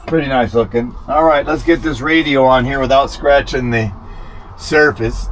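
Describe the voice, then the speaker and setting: Vehicle ambience and clear background noise surround a man speaking at a normal speed in a mid-range voice. He is a vlogger putting in a vintage radio, talking through the task casually and wandering a little as he thinks aloud.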